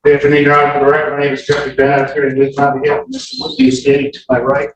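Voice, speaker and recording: A man speaking as a defense attorney, arguing insistently before the judge on a courtroom recording. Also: mid-range voice. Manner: argumentative, quick and insistent. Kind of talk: courtroom argument. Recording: echoey courtroom recording from a distant mic with faint hiss.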